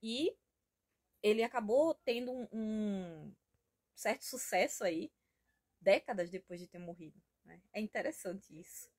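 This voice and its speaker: A woman's voice: mid-range voice, expressive, unhurried, darkish tone. A Brazilian woman with a Brazilian Portuguese accent, chatting casually and enthusiastically in a homemade reading vlog from home, rambling with frequent tag questions. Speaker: book vlogger.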